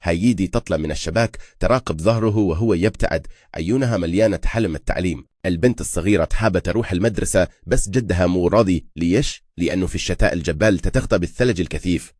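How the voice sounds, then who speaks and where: Deep, fast-talking male recap narrator. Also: darkish tone, dry recording, clean studio sound. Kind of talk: scripted film recap narration.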